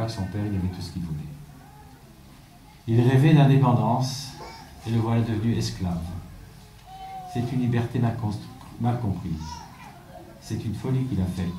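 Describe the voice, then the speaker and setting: A man, a bishop, giving a measured, reflective sermon with rhetorical questions, recorded in a church from a distant mic. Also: mid-range voice, warm tone, echoey room, a little hiss or hum.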